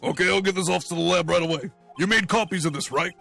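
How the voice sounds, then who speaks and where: An eager, folksy police detective, as a man voices him. His voice is high and gravelly. It is a voiced game playthrough. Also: fast talker, sharp tone, soft background music, full character voice. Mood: friendly. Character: friendly clumsy male police detective.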